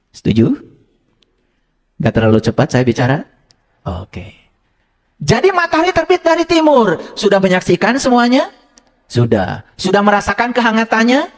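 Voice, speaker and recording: A man preaching to a live audience in a high voice that leaps up and down. He jokes, fires questions at the listeners and drops into local phrases. His delivery is playful and conversational rather than solemn. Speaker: religious teacher. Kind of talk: interactive religious lecture to an audience.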